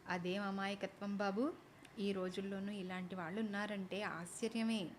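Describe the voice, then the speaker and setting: A woman's voice: mid-range voice, level tone, moderate pace, a little hiss or hum, natural voice. A woman voicing a sensible middle-aged mother who talks in a matter-of-fact, scolding way, in a storybook reading. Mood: wondering.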